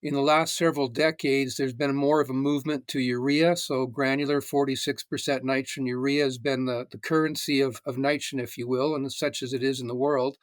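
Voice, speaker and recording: A Canadian man in his sixties, a retired agronomist, explaining things in a measured way as a podcast guest. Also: mid-range voice, little pitch movement, dry recording. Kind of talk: casual interview.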